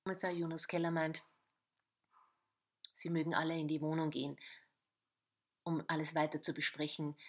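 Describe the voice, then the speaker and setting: A woman's voice: low voice, level tone, moderate pace, pauses often. A woman narrating a short crime story in episodes, reading the dialogue in varied voices. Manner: reads dialogue in varied voices, some whispered.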